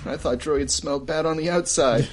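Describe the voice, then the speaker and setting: A man's voice: a little high, moderate pace, slight background noise. A man bantering casually as a tabletop player, joking and rambling. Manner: jokey, rambling.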